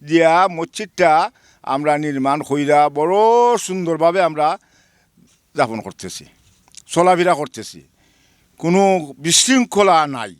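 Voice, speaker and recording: A man's voice: on the high side, slow, long pauses, no echo, studio quality. A man giving an earnest spoken statement to the press, listing names one by one. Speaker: local villager giving a statement. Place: beside a village mosque.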